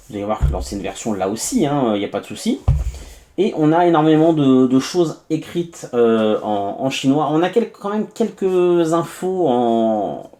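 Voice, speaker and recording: A man from France reviews a gadget in a relaxed, chatty unboxing. His voice is mellow and dark at an ordinary middle pitch. He pauses often and fills the gaps with small asides. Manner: chatty, many hesitations and asides, narrates each step. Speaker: tech reviewer.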